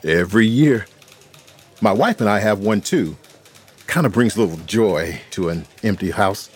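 A stolid, courteous police captain in a period drama. He talks plainly and folksily in a fairly low voice with lively pitch. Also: moderate pace, slightly rough.

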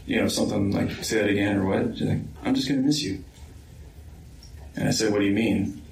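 A man in a recorded interview, slowly and hesitantly recounting events, with many pauses and ums. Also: lowish voice, vocal fry, a little mellow. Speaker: interviewee, victim's son. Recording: roomy far-off interview mic.

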